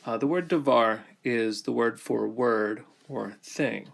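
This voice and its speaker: There's vocal fry in this man's mid-range voice as he delivers a grammar lesson. He moves step by step in measured, unhurried phrases, stopping often.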